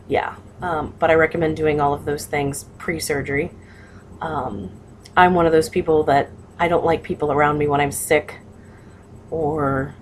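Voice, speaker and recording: A woman with a low voice talks informally, as a patient passing on practical tips. Her delivery is halting and matter-of-fact, and there is noise behind her. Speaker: patient sharing surgery recovery advice. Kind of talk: casual personal vlog talk.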